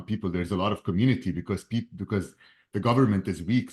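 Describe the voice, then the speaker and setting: A man's voice: sits low, a little mellow. A man hosting a podcast interview, speaking hesitantly with many fillers. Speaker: podcast host.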